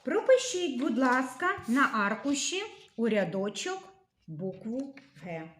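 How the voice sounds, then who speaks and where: A woman teaching young children to read and write, enunciating sounds and syllables slowly and clearly. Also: a little high, very animated, a bit bright, reverberant. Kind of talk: literacy lesson for young children.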